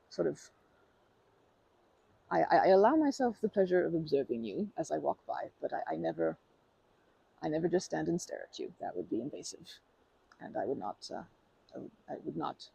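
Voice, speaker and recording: In this ASMR roleplay, a woman with a deep, husky, dark voice and vocal fry acts as a friendly stranger addressing the listener. She rambles and hesitates, frequently restarting and correcting herself, earnest and chatty with light laughs. The audio quality is poor.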